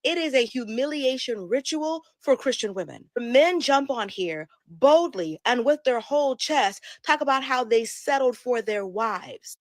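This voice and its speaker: A woman's voice: sits high, no room sound. A woman delivering an emphatic opinion monologue with pointed, rhetorical repetition.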